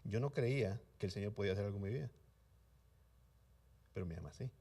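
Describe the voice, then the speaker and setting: A male pastor preaching a sermon, swinging between loud emphatic lines and hushed soft ones, and asking the congregation questions that he then answers himself. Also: fairly low pitch, lively intonation, fast talker, far from the mic. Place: church sanctuary.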